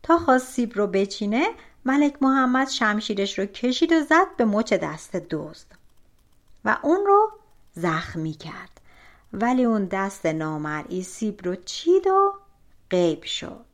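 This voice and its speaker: A woman narrating a folk tale audiobook with expressive, animated storytelling. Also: mid-range voice.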